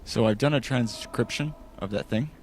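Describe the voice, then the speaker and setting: A man's voice: medium pitch, moderate pace, a little mellow, slight background noise. A man doing casual let's play commentary, musing and thinking aloud as he goes. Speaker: gaming commentator.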